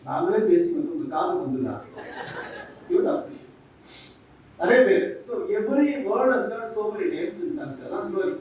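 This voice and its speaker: A man's voice: high-pitched, big pitch swings, takes it slowly, pauses often, darkish tone, a little hiss or hum. A man, a monk giving a humorous lecture to teachers, joking and acting out little dialogues. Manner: jokes and acts out little dialogues, switching between English and Tamil. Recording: echoey hall from far off.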